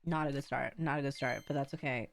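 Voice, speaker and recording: A woman livestream host chatting casually with viewers in a playful, campy, slangy and very expressive way. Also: a bass voice, fast, slight background noise. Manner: expressive, exclaiming and drawing out words. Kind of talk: casual livestream chat while opening card packs.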